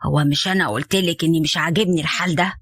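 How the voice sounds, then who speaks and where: A woman's voice: sits low, steady tone, rapid-fire, a bit bright, breathy edge, no echo, voice pushed down, full character voice. A woman doing a stern Egyptian father. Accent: Egyptian Arabic. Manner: stern, blunt. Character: stern older father forbidding his daughter's marriage.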